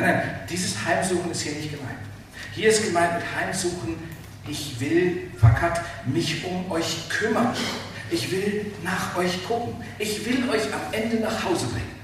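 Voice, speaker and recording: A man preaching a sermon, emphatic and animated, asking the listeners rhetorical questions. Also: a little high, recorded from a distance. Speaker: pastor. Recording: very echoey hall, speaker off-mic, faint room noise.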